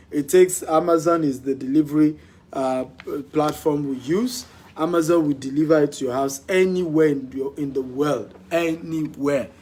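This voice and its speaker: An animated Nigerian man answers his audience's questions on a live podcast. His voice is husky and sits a little high, and he drives his points home by repeating them. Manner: animated, exhorting, repeats lines for emphasis. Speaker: podcast host. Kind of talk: live-stream Q&A.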